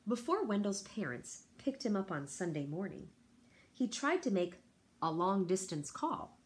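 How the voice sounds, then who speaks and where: A woman teacher reads a picture book aloud to children expressively, adding chatty asides to her young listeners. Her voice is mid-range and a little slow.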